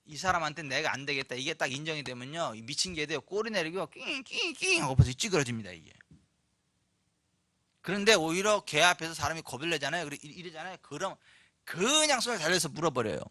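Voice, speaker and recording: A male pastor delivers a sermon in a high, ringing voice. He moves between easy conversational asides and forceful, shouted proclamations. The sound is close and dry. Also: no echo. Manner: conversational preaching that surges into loud proclamations. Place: church sanctuary.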